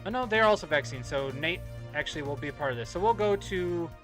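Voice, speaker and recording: A man's voice: on the high side, expressive, fast, music in the background. A man acting as game master, narrating a tabletop game casually and improvising in a hesitant way.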